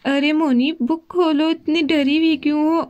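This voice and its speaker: A woman's voice: sits high, fairly even intonation, moderate pace, a little mellow, lo-fi sound, close to an everyday voice. A woman voicing a strict female schoolteacher doll in a doll play story, bossy and hurrying the class along. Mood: stern.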